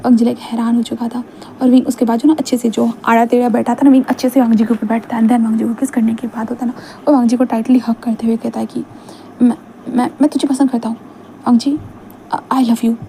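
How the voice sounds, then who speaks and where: A woman retells a fan fiction story in a loose, conversational way, her voice high yet dark and mellow. She strings the scenes together with everyday fillers. Faint noise lies under the recording. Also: flat delivery, fast, creaky, rough recording. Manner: conversational, fillers between lines.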